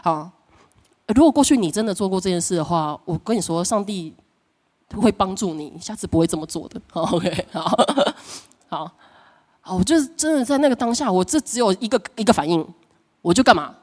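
A middle-aged woman pastor preaching a sermon, telling stories with lively acted-out voices and frequent laughter. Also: mid-range voice, a little fast. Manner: animated storytelling, acts out quoted voices, laughs often.

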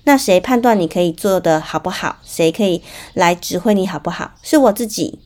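A woman's voice: lowish voice, lively intonation, a little fast, a little mellow. Woman, Taiwanese Mandarin accent, chatty parenting podcast host, story-driven and filler-heavy.

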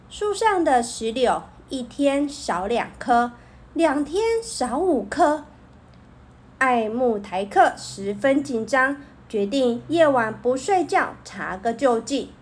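A woman telling a children's story in a gentle, expressive way. Her voice sits high and she reads at a slow, unhurried pace.

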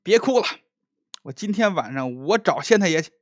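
A man's voice: high-pitched, lively intonation, fairly quick, no room sound, lo-fi sound, pitched above the performer's own voice. A man doing an irritated fox spirit. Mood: annoyed. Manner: brusque, snapping. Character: fox spirit, impatient and fed up.

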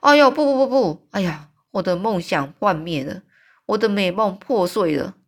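A woman voicing a big, friendly male giant in a storybook read-aloud, with loud exclamations and wailing cries. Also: medium pitch, animated, moderate pace. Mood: distressed.

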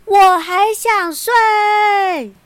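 A woman voicing a hot-tempered little elephant prince boy, yelling and stubborn. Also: very high-pitched, lively intonation, unhurried, voice pushed up, exaggerated voice. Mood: furious.

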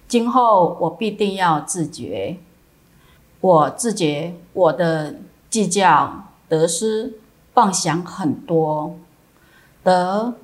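A woman Buddhist teacher reading a sermon calmly and telling Chan koan stories. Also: fairly low pitch. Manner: slow, calm, measured reading.

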